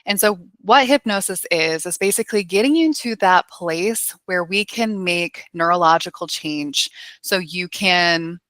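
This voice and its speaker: A woman hypnotherapist talks through her subject in a casual, chatty podcast manner, laughing often and leaning on fillers. Her voice is bright and sits a little low for a woman. The sound is close and dry. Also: measured pace, dry recording. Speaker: hypnotherapist guest.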